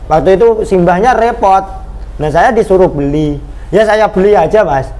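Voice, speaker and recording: High-voiced Javanese man telling his story. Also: moderate pace, a little mellow. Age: 30s. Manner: plain-spoken, addresses host as Mas, filler-heavy. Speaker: cattle trader guest. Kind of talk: casual interview storytelling.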